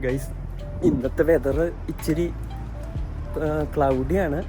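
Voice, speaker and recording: A man's voice: medium pitch, fairly even intonation, slow pace, music in the background, rough recording. A Malayali man chatting casually to his travel vlog viewers, dropping English words and phrases into his Malayalam. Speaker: travel vlogger. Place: outdoors at a pool and streets.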